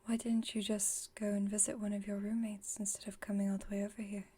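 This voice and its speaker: Speaking an intimate ASMR monologue, a woman takes the role of a distant, wry vampire friend with a hidden caring streak. Her mid-range voice is flat and close to how she'd normally talk, breathy and soft, teasing dryly at an unhurried pace with a wry, gently comforting feel.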